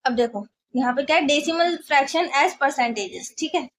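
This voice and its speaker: High-voiced woman teaching maths. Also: lively intonation, slow pace, fairly bright tone. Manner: explains step by step, often checks for understanding. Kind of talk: classroom maths lesson.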